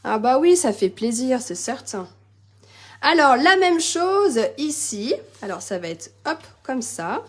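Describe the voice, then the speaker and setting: A woman with a high voice and big pitch swings speaks slowly while hosting a live crafting tutorial, chatty and bubbly as she answers viewer comments mid-project. She's slightly losing her voice and coughs now and then.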